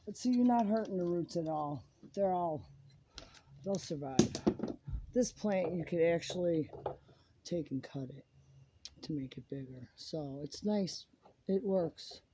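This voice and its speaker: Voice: mid-range voice, a little slow, long pauses, mellow. A home gardening vlogger giving a casual hands-on demonstration, chatty and rambling as they work, filmed partly outdoors on a handheld phone. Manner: chatty and rambling, talks while working. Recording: noisy home video with handling clicks.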